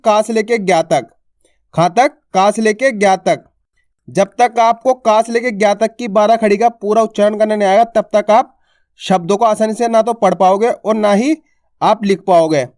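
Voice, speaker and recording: A man's voice: high-pitched, darkish tone, dry recording, clean studio sound. A man teaching an online lesson on Hindi letters, asking questions and answering them, and stretching out the vowel sounds as he repeats them.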